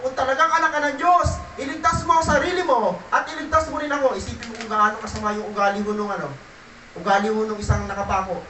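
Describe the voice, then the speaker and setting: High, bright-voiced preaching man. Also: echoey room, recorded from a distance, a little hiss or hum, poor audio. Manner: animated preaching, swinging from loud bursts to quiet low stretches. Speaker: pastor. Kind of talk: sermon.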